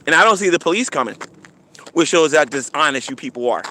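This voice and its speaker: A man's voice: on the high side, animated, fast, sharp tone, a little hiss or hum. A man ranting on a livestream, taunting and defiant, stammering and repeating himself, breaking into mocking laughter. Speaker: YouTube livestreamer.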